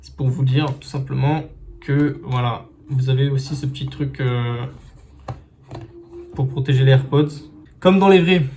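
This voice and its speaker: Male tech vlogger, mid-pitched and warm, talking through an unboxing on a phone, loose and chatty. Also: measured pace, long pauses, a little hiss or hum. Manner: chatty, with many fillers and restarts. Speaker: tech reviewer. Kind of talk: casual unboxing review. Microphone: phone camera.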